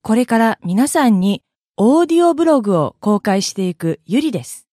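Young woman, audio blogger, polite measured reading, mellow tone, dry close sound. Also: a little high, sing-song, no echo. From Kobe, Japan. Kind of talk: scripted self-introduction.

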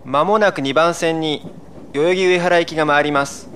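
A man's voice: on the high side, normal speed, a bit bright, a little hiss or hum, close to an everyday voice. A man voicing a platform announcer who makes a formal train station announcement in a lesson dialogue.

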